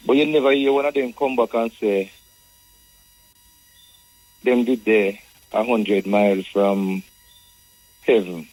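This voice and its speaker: A Jamaican man calling a radio show, arguing conversationally in Rasta speech with a husky voice, repeating phrases as he builds his point. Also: fairly low pitch, darkish tone, no echo, low-quality recording. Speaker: radio caller.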